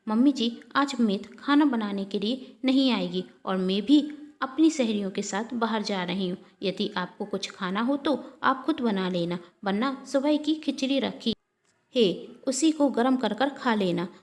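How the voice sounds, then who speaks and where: A woman's voice: fairly high pitch, lively intonation, measured pace, a little mellow. A woman voicing a selfish young daughter-in-law who complains and gossips. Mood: curt.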